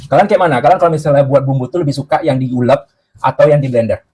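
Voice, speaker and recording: A man's voice: medium pitch, quick pace, darkish tone, husky. A man hosting a casual cooking live stream from a boarding-house room, chatty and joking as he answers viewers' comments, a little out of breath from grinding spices. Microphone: clip-on mic.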